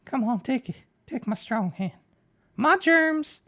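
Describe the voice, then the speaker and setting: A man putting on a creepy old male caretaker from a comedy film, in a strained, shaky falsetto. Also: animated, slow, bright, forceful tone, heavily acted.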